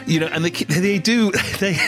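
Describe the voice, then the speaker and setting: A man hosting a comic podcast, talking in a rambling, halting, mock-earnest way. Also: high-pitched, music in the background. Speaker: podcast host.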